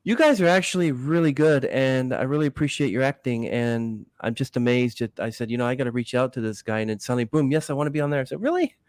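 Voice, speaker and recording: Male podcast host, mid-pitched, smooth and resonant, dry close sound, enthusiastic questioner. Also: lively intonation, quick pace, hardly any pauses, darkish tone, no room sound. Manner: enthusiastic, admiring. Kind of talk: interview questions.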